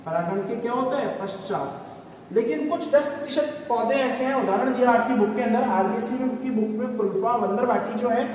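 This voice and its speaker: A man's voice: very high-pitched, moderate pace, darkish tone, slight background noise. A man teaching a biology class in Hindi. He keeps asking his students questions and answers them himself, repeating key terms. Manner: addresses students as "beta". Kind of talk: classroom lecture. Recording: echoey room, voice from far off.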